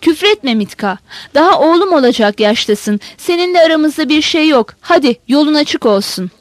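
A firm old Cossack patriarch turning away a relative, read by a woman. His words come out resolute and unbending. The voice is high and close, dry with no echo. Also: animated, moderate pace. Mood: stern. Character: stern lame old Cossack father, firm.

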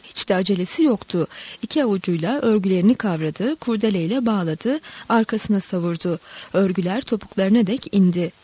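A woman narrating a literary story in a steady, dramatic reading voice. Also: medium pitch, a little fast, husky, no room sound.

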